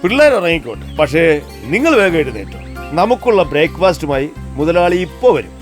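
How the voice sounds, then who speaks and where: A man's voice: a little high, sing-song, a little fast, faint music behind. A man voicing a bossy grown rooster who leads the flock in a kids' cartoon and scolds the others.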